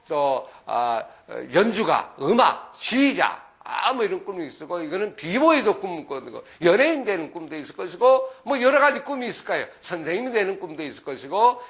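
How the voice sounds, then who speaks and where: A middle-aged man, a pastor, giving a Bible lesson to children, asking them questions and checking often that they follow. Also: fairly high pitch. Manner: lively, asks the listeners questions, often adds "그죠?".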